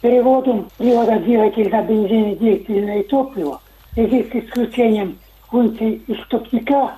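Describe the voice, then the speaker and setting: Older male caller on a roomy phone line, mellow dark voice, stiff formal phrasing. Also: sits high, a little hiss or hum. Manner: formal, wordy, technical phrasing. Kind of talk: radio call-in comment. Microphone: telephone.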